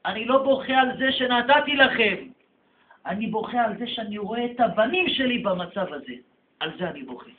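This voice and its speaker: A man's voice: very high voice, expressive, pitched above the performer's own voice. A man voicing God as a sorrowful, loving father, solemn, in a tinny, echoey recording.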